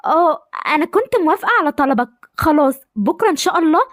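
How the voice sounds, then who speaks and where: A woman's voice: high-pitched, lively intonation, fast, no echo, clean studio sound. A woman voicing a shy, cautious schoolgirl with an Egyptian accent, hesitant and worried. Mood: torn. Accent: Egyptian Arabic.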